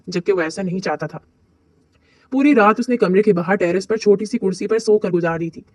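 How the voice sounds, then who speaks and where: A man with a high-pitched voice narrates an audio novel in a steady storytelling way. The recording is dry and close to the mic, with no room sound. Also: no room sound.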